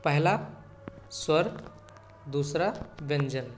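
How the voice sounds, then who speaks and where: Male tutor, slightly high voice, exam-prep lecture, repetitive and direct. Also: takes it slowly. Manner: repeats key points, addresses viewers as friends. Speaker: teacher.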